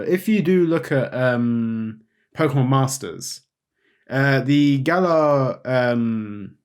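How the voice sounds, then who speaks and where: A young man co-hosting a casual chat, agreeable and a bit hesitant as he explains his thoughts. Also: medium pitch. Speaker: podcast co-host. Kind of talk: casual chat about animation and games.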